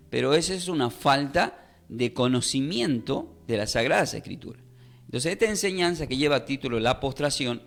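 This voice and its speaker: A man's voice: mid-range voice, a bit bright. A man teaching a radio Bible class, emphatic, often repeating phrases and spelling out words. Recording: radio studio with faint music.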